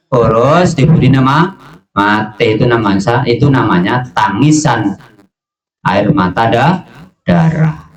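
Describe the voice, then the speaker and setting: Guy teaching a religious text lesson, lively, repeats himself a lot, mid-pitched voice. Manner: lively teaching with local dialect words and repetitions. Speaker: kitab teacher at an Islamic boarding school.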